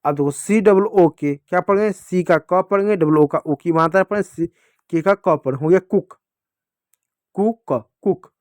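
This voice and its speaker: A man's voice: high-pitched, normal speed, no room sound, clean studio sound. A man teaching young children to read, spelling words out letter by letter and patiently addressing them. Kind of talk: phonics lesson for young children.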